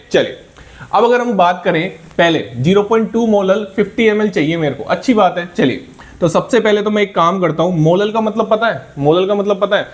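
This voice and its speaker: A male chemistry teacher working through an exam problem step by step, encouraging students and asking then answering his own questions. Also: sits high.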